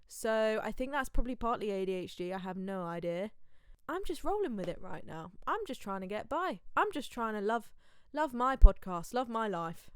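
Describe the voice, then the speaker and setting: A woman's voice: a little high, clear, resonant tone, dry recording, clean studio sound. A young woman hosting her own podcast, talking casually and candidly to listeners with lots of rhetorical asides. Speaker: podcast host. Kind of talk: casual solo podcast monologue.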